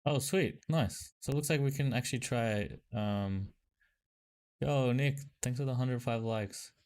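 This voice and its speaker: A man hosting a livestream over a headset mic, chatting casually and loosely with lots of fillers as he greets viewers and tests software. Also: medium pitch, measured pace. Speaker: livestream host. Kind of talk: casual livestream chat while testing software.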